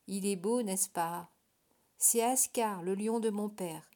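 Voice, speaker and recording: A woman reading a storybook voices a cheeky young circus boy who announces people like a loud comic fairground barker. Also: medium pitch, slow pace. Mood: proud.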